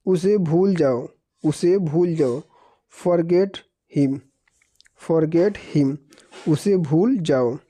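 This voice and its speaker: Indian male English teacher, Hindi-speaking accent, very slow drilled repetition, mellow tone, dry close recording. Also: on the high side, no room sound. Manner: repeats each phrase slowly, switching between Hindi and English. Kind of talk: slow spoken-English lesson.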